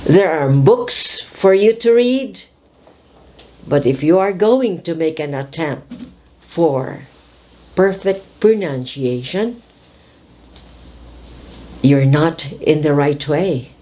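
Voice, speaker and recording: Older woman, patient pronunciation teacher, low-ish voice, deliberate over-articulated drilling. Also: expressive, warm tone.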